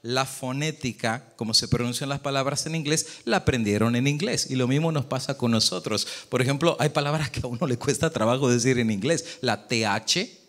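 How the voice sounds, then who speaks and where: A man's voice: medium pitch, fairly quick, fairly bright tone. A man, a pastor, preaching a sermon in Spanish and explaining points to the congregation with rhetorical questions.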